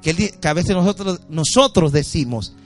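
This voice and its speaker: A male pastor preaching a sermon, switching between loud, high exhortation and low, quiet asides, with scripture read aloud. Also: expressive, brisk, soft background music.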